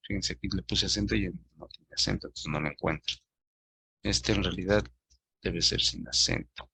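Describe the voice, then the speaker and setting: A man's voice: lowish voice, gravelly, fairly bright tone, husky, no echo. A man teaching an online class, patiently explaining step by step and addressing his students directly.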